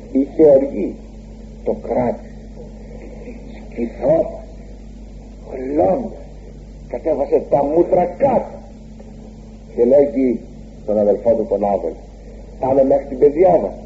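A man preaching a sermon, retelling a scripture story with lively, swooping emphasis and repeated exclamations. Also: vocal fry, pauses often. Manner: animated, swooping pitch on emphasis. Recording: tinny phone-like recording with faint hum.

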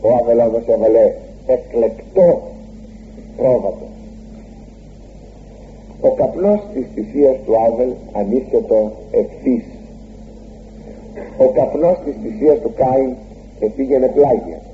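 A man preaching a sermon, retelling a scripture story with lively, swooping emphasis and repeated exclamations. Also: long pauses. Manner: animated, swooping pitch on emphasis. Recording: tinny phone-like recording with faint hum.

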